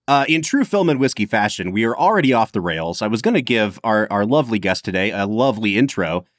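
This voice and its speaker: A man's voice: fairly low pitch, fast talker, no echo, studio quality. A man co-hosting a podcast, chatting casually and playfully. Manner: playful, animated hosting with laughs. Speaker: podcast co-host.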